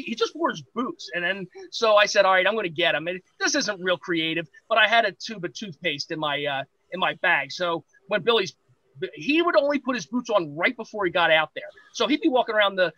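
A man with a high, bright voice tells an animated anecdote as a podcast guest, jumping into other people's lines as he goes. His sound is dry and close, with no room around it. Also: dry recording, low-quality recording. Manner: lively anecdote-teller, acts out quoted voices. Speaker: podcast guest, pro wrestler. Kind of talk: animated storytelling.

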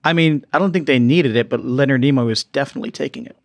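A man's voice: mid-range voice, quick pace, dry recording. A man hosting a casual podcast, steering the talk with jokes. His voice sits in an ordinary middle range. The sound is dry and close, with no room around it. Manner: joking, leads the segments. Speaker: podcast host. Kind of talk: casual chat. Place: studio, live stream.

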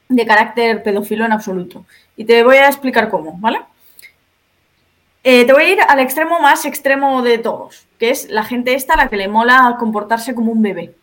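A woman with a Spain Spanish accent, a video creator explaining her points one by one as a podcast guest. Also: fairly high pitch. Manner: explanatory, methodical, lays out points. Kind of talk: podcast conversation.

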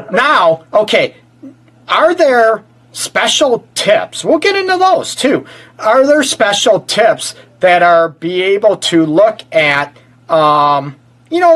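A man's voice: on the high side, fairly bright tone. A middle-aged man hosting a relationship talk show from his office, joking and teasing his guest as he talks. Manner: joking, teasing, self-described smart aleck. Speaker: relationship counselor and show host. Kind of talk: casual talk show interview.

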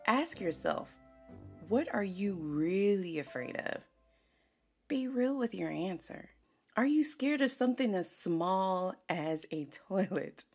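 A woman's voice: mid-range voice, creaky. A woman hosting a podcast, telling a personal story in a casual, chatty way, laughing often and checking in with the listener. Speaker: podcast host.

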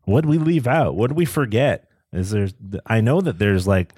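Animated male podcast co-host. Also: fairly low pitch, normal speed, husky, no echo, studio quality. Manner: animated, playful, drops pirate "arr"s. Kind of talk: casual chat.

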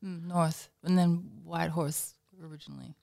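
A woman from Northern Ireland, a designer guest on a podcast, speaking softly and hesitantly, her sentences often trailing off. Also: deep voice, fairly even intonation, normal speed, creaky. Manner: soft-spoken, hesitant, trailing off. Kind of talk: podcast interview chat.

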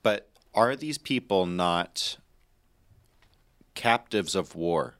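Give me a deep-voiced man leading a Bible talk. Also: expressive, extremely slow, fairly bright tone. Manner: emphatic, preacherly build-ups. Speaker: host leading a discussion.

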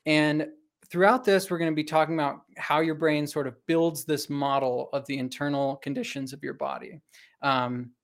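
Male co-host, somewhat high voice, informal and halting science explainer. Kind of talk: casual explanatory science talk.

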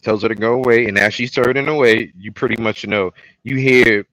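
A man's voice: mid-range voice, fairly quick, no echo, low-quality recording. A young adult man, co-hosting a podcast and animatedly recapping an episode in casual chat. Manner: animated retelling with acted-out quotes. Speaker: podcast co-host.

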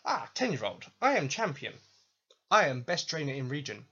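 A man voicing a smug, condescending champion trainer who talks in clipped, broken grammar in a high put-on voice. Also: big pitch swings, normal speed, bright, forceful tone, husky, highs cut off, full character voice.

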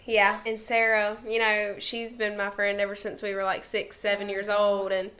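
A woman in her twenties co-hosts a casual podcast in a laid-back, joking way. Her voice has a bright, forward edge at a middle pitch. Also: monotone, moderate pace. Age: 20s. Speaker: podcast co-host.

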